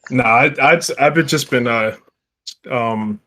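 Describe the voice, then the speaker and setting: A man's voice: medium pitch, bright, forceful tone. A man in his twenties in a casual podcast chat, hurrying and stumbling over his words. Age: 20s. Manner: hurried, stumbling restarts.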